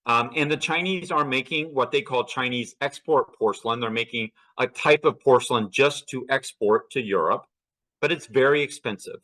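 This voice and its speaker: A man's voice: mid-range voice, moderate pace, pushed and bright, rough recording. A man giving a slide lecture on archaeology, asking questions and answering them himself as he explains.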